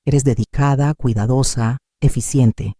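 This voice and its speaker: A woman's voice: extremely low pitch, fairly even intonation, unhurried, dark tone, dry recording, clean studio sound. A woman reading aloud the lines of a pushy, leering male employer in a storybook tale, in an insinuating manner. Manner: smug, insinuating, then cold and threatening.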